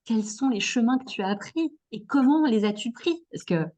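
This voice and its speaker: Woman interviewer, slightly high voice. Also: lively intonation, normal speed, darkish tone. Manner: enthusiastic short reactions and hesitant questions. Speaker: interviewer, host. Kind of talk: casual interview.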